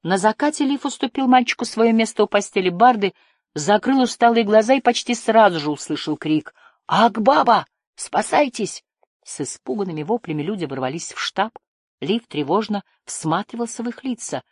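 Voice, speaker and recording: A woman narrating a children's adventure novel chapter in a measured, expressive reading. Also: medium pitch, no echo, studio quality. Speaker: audiobook narrator. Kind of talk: scripted narration.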